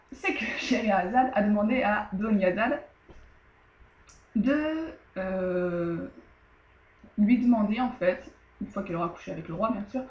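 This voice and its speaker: A woman tells an old tale in a loose, chatty way, full of fillers and little asides. Her voice sits in a roomy space and the sound is a bit dull, like a home recording. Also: medium pitch. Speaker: storyteller. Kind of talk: casual spoken retelling of a tale.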